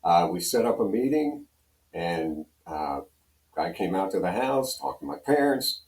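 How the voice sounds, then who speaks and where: This older man's deep, darkish voice is very animated yet measured in pace. He's a Pennsylvania radio program director, a guest offering casual, folksy anecdotes at his own expense, recorded with roomy echo and distant from the mic.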